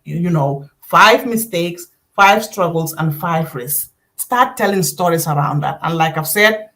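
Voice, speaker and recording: A woman's voice: fairly low pitch, a bit bright. A woman business coach teaching a live online class, talking conversationally, addressing listeners directly and giving step-by-step instructions.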